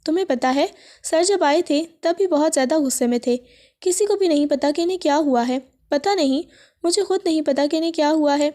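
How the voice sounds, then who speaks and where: A woman's voice: high voice, warm tone, natural voice. A woman reading a chatty young university friend.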